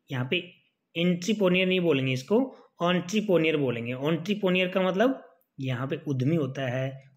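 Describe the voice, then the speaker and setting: A male English teacher with a slightly high voice gives an exam-prep spelling lesson, spelling words out letter by letter and coaxing his students to remember them.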